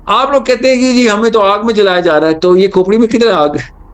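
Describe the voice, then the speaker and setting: A man's voice: sits high, clean tone, voice pushed up, close to an everyday voice. A man voicing a defiant pagan man who questions punishment in the grave, in a challenging tone. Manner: challenging, skeptical.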